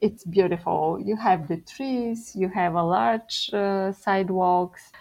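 With a Bulgarian accent, a young woman from Bulgaria chats as a casual interview guest, relaxed in her telling and laughing often. Her mid-range voice is gravelly with a darkish tone.

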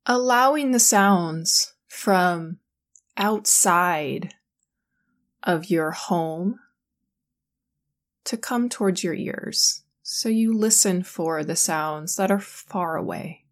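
A woman guiding a sleep meditation in a calm, soothing, slow manner. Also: lowish voice. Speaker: meditation guide.

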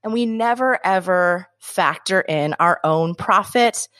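A woman's voice: on the low side, unhurried, fairly bright tone, no room sound, studio quality. A woman from New Jersey, an author guest on a podcast, talking enthusiastically and acting out little quoted voices. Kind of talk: podcast interview.

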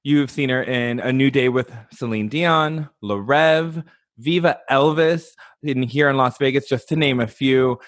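Brief: man, talk-show host, gushing and laughing, medium pitch, dry close sound. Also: a little slow, no room sound. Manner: effusive, laughs often. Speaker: podcast host. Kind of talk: casual interview chat.

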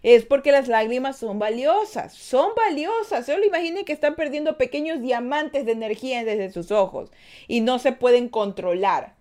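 A woman's voice: sits high, expressive, moderate pace, a little mellow. A woman hosting an advice podcast, speaking earnestly, asking rhetorical questions and repeating phrases for emphasis. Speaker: podcast host.

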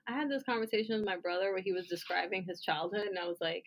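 A woman's voice: mid-range voice, fast. Frank, laughing woman podcast co-host. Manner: frank, swears freely, laughs often. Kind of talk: casual podcast chat.

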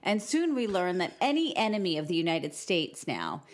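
A woman's voice: lowish voice, sing-song, moderate pace. A woman co-hosting a podcast, recapping a movie in a casual, musing way, often unsure and asking questions. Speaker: podcast co-host. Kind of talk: casual movie review chat.

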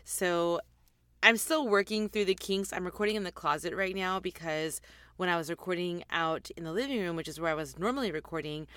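A woman's voice: fairly low pitch, a little fast, a bit bright, clean tone, dry recording, studio quality. Chatty woman recording inside a closet. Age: 40s. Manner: chatty and rambling, with frequent ums. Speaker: podcast host. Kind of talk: casual chat. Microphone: desktop USB microphone.

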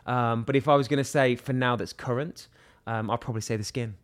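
A British man in middle age talks casually as a podcast guest. His voice sits at a middle pitch, and he jokes, trails off and picks his sentences back up again. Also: fairly even intonation, brisk, no room sound. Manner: chatty, joking, trails off and restarts. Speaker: watch brand director, guest.

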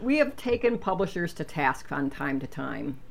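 Woman guest on a podcast, lower voice, lively storyteller, casual. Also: normal speed, vocal fry, crowd noise. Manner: chatty storyteller, animated when telling anecdotes.

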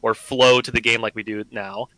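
A man's voice: mid-range voice, steady tone, normal speed, bright, forceful tone, no room sound, low-quality recording. A man on a gaming podcast, emphatic, building his points and checking in with listeners. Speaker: podcast guest. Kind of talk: casual gaming discussion.

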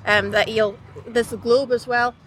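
Woman, high-pitched, bright tone, enthusiastic casual musician interview. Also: fairly even intonation, normal speed. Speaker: band musician being interviewed. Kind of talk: casual chat.

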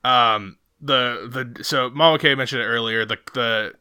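A man with a very bright, forceful voice and clean, crisp tone, recorded close and dry. He talks as a podcast co-host in a casual movie review, rambling and retelling scenes with animated asides. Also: mid-range voice, a little slow, no room sound. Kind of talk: casual film review chat.

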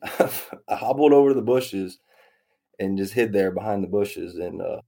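A young man with a gravelly, dark, fairly low voice recounts his past at a measured pace. His casual personal story rambles, repeats phrases, and acts out what other people said in quoted voices.

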